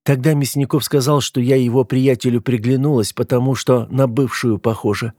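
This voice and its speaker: A man's voice: mid-range voice, steady tone, moderate pace, warm tone, no echo, studio quality, pitched above the performer's own voice, natural voice. A man reading an audiobook voices a frightened, tearful young woman, pleading with a raised voice.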